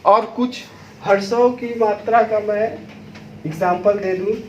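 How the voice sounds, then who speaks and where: A man teaching a Hindi lesson, addressing students directly and sounding out each syllable with deliberate stress. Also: high-pitched, fairly even intonation, a little mellow, echoey room, slight background noise. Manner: slow, stressing each syllable aloud to demonstrate. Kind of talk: classroom lesson.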